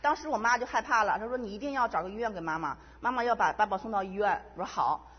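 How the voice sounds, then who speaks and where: A middle-aged woman rushes through her personal testimony in a husky voice, repeating phrases as the feeling builds. She is heard through a dull, lo-fi recording with a long reverb tail from the hall. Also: mid-range voice. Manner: emotional, quick storytelling with repetitions. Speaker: church member giving testimony.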